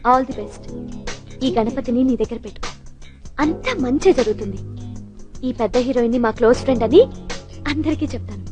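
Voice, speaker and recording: A woman's voice: fairly high pitch, fairly quick, long pauses, over music, close to an everyday voice. An actress playing an affectionate young woman who blesses a friend before her first film, in feature film dialogue. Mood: tender.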